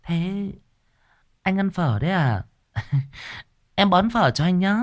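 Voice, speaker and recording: A man's voice: animated, slow pace. A man doing a simpering, pushy young woman. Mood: coaxing. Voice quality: simpering falsetto.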